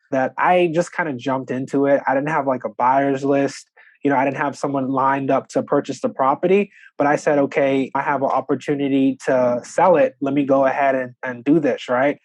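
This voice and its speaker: A young man from the Bahamas, talking as a podcast guest in a mid-pitched voice. He tells his story easily and casually, filling his lines with "you know" and "like". The sound is dry and close, with no room around it. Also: darkish tone, no room sound. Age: 20s. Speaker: podcast guest, real estate investor. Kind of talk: conversational interview.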